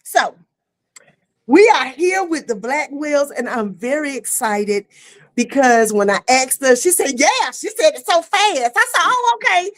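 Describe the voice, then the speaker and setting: A middle-aged woman hosting a casual online talk show, lively and laughing, with easy "y'all" talk. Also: high voice, measured pace. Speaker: host. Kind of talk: casual chat. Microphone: streaming setup.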